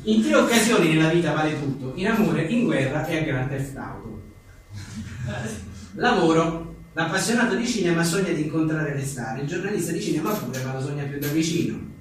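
A writer and journalist reads aloud funny one-liners from his own book to a live audience, joking wryly, chuckling often, and adding casual asides. His voice is a little high, expressive, and brisk. The reverberant room brings echo, and the distant mic picks up faint noise.

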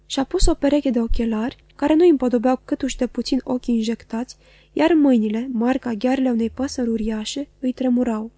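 Woman audiobook reader, mellow dark tone, fairly high pitch, dry close sound. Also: no room sound. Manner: measured, even reading. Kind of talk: scripted literary narration.

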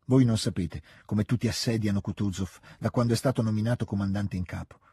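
A man's voice: lowish voice, dark tone, slightly rough, no echo. A man voicing a courteous and guarded older prince in an audiobook reading. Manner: courteous, measured. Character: polished, cautious old prince.

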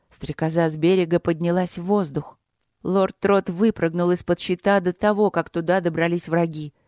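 Steady audiobook narrator, dry close sound. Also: mid-range voice, no echo. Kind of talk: scripted narration.

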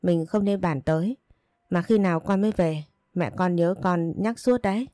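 A woman voicing a gentle middle-aged father who speaks slowly and patiently in a low, mellow voice. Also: no room sound, clean studio sound, lightly acted.

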